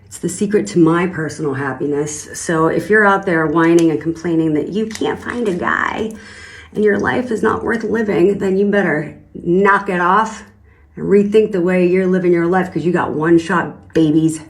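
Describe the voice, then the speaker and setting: A woman's voice: on the low side, moderate pace. A woman in her fifties talking upbeat to camera, turning bossy and scolding. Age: 50s. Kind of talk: motivational talk to camera.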